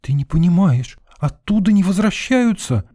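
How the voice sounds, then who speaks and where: A man reading an audiobook, voicing a timid, easily frightened young woman in a soft, anxious, raised voice. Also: steady tone, moderate pace, no echo, clean studio sound. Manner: soft, anxious, higher put-on voice. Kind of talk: audiobook character voice.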